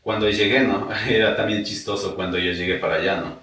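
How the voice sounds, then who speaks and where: A man from Ecuador with an Ecuadorian highland Spanish accent, a podcast guest telling his life story in a casual, animated way and acting out remembered dialogue. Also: fairly quick. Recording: echoey room, distant mic.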